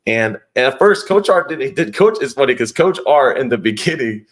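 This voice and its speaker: An earnest young man talks through a personal story as a podcast guest, casual and heartfelt. His voice sits at an ordinary middle pitch, and he often circles back and restarts his sentences as he goes. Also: expressive, normal speed.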